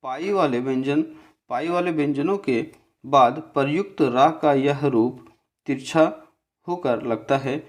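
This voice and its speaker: Man teaching grammar slowly, step by step. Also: medium pitch. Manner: slow, repetitive, checks in with "theek hai"; spells out syllables slowly. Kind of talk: explaining grammar over a slide.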